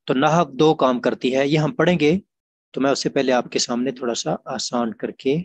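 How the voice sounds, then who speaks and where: Guy teaching an online class, patient, goes over examples again and again, mid-pitched voice. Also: fairly even intonation. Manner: patient, explanatory, repeats examples slowly. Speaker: Arabic grammar teacher.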